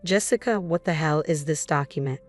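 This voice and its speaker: A woman voicing a desperate, angry husband in his fifties who shouts and pleads, in a spoken story. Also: a little high, brisk, faint music behind, lightly acted. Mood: furious. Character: angry desperate middle-aged husband, whining.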